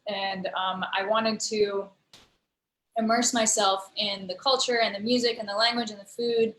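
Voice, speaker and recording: In a casual interview over a video call, a woman from the United States, a digital storyteller and musician, describes her work at length, thoughtfully and with lots of fillers. Her medium-pitched, slightly bright voice has a flat delivery at normal speed, and the room is echoey.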